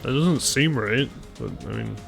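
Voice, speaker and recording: Guy doing chill game stream commentary, middle pitched voice, music in the background. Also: a little slow, gravelly. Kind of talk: casual gameplay commentary, reading dialogue aloud. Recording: music behind the voice.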